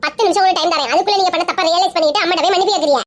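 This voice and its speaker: A woman's voice: very high voice, racing. A woman playing a nagging grown daughter who lectures her father in a comedy skit. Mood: lecturing.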